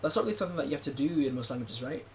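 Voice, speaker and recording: A man's voice: a little high, lively intonation, racing, a little hiss or hum, poor audio. A man giving casual reaction commentary while watching a video, rambling with many fillers and restarts.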